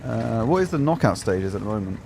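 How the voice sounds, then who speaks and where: English man, lively swooping intonation, opinionated casual gaming stream chat, colloquial, noticeable background game noise. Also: lowish voice, fairly quick, creaky. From England. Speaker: video game live streamer. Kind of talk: casual live stream commentary while gaming.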